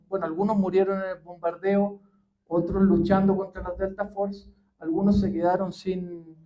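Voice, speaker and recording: A history professor giving a public talk, unhurried and full of pauses and fillers. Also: male voice, high-pitched, dark tone, dull audio. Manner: measured, many pauses and fillers.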